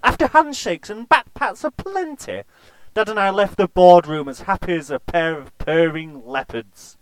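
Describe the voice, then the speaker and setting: A man reading an absurd, crude comic story in a deadpan way. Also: high voice, normal speed, no room sound.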